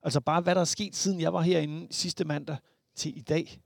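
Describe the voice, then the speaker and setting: Gravelly Danish man on a podcast. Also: fairly high pitch, no echo, studio quality. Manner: halting, many restarts, animated. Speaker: podcast guest. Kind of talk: casual podcast chat.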